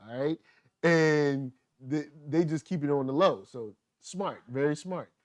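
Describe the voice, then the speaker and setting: Animated man chatting on a dry mic. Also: a little high, measured pace, no room sound. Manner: animated, laughing, acts out quotes. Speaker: podcast host. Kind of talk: casual chat reviewing a TV episode.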